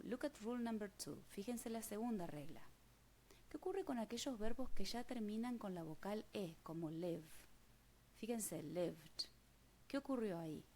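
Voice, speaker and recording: A woman's voice: mid-range voice, dark tone, slight background noise. Patient Rioplatense woman teaching grammar. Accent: Rioplatense Spanish. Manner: patient, checks understanding with frequent "mm?". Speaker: English teacher. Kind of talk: grammar lesson explained step by step.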